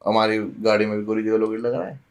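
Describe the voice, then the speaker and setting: A man's voice: fairly low pitch, fast talker. Young man telling a story animatedly. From Delhi, India. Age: young adult. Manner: animated, acts out quoted dialogue with lively shifts. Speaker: podcast guest. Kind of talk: casual storytelling.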